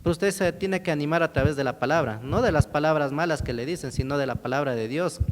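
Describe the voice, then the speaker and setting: A man's voice: a little high, fast talker. A man, a lay preacher giving a conversational sermon in a church, talking straight to the congregation and often repeating himself. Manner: conversational, repetitive, addresses the congregation directly. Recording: echoey hall with steady background noise.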